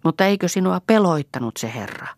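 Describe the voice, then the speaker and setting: A woman's voice: lowish voice, lively intonation, no echo, clean studio sound, voice pushed up. Woman reading a curious, scolding old widow. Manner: wondering and mildly reproachful. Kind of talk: audiobook character reading.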